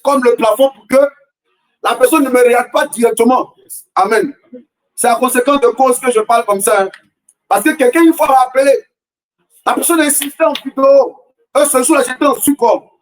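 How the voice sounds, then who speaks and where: A man preaching a sermon as a prophet, shouting repeated rhetorical questions in a half-sung cadence. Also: very high-pitched, normal speed, pauses often, far from the mic, low-quality recording. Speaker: prophet preaching a morning prayer.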